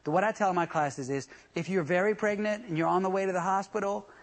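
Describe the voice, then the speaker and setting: A man's voice: sits high, fast. A man teaching a traffic school course in a jokey, laughing lecture style. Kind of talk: joking classroom lecture.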